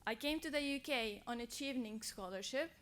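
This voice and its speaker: A young woman from Syria, a youth advocate, giving an earnest, measured prepared speech. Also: on the high side, a bit bright.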